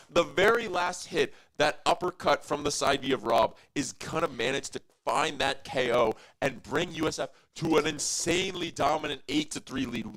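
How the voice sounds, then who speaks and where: A young man giving fast, analytical play-by-play commentary on an esports match, shouting on big plays. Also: fairly high pitch.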